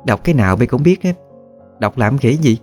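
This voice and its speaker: A man voicing a gruff, teasing old woman ghost with a Southern Vietnamese accent and a blunt, folksy manner. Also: mid-range voice, expressive, fairly quick, darkish tone, soft background music, pitched above the performer's own voice, close to an everyday voice.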